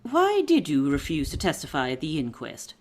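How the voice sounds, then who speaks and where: A woman playing a shrewd, poised lady detective in a radio play, brisk, wry and self-assured. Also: low-pitched, wildly swooping pitch, darkish tone, heavily acted. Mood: polite, probing.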